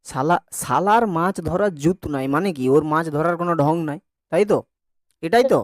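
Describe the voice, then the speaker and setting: A man with a slightly high voice speaks briskly while giving a Bengali grammar lesson, quizzing the class with checking questions and repeating sounds repeatedly as a pronunciation drill. The studio sound is clean, with no echo.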